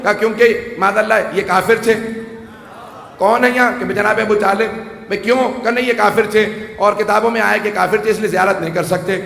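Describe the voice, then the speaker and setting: A man preaching a rhetorical sermon to a gathering, rising to shouts and making joking asides. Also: high voice, steady tone, vocal fry. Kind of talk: Urdu majlis sermon. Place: large hall with audience. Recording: echoey hall, faint ambience.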